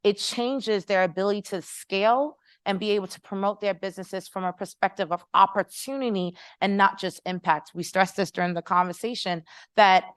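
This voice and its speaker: Answering on a conference panel before an audience, a middle-aged Haitian American startup founder with an American accent makes a passionate, persuasive case and draws listeners in. Her voice is medium-pitched, clear and resonant, at a normal speed. The audio is dry and studio-clean.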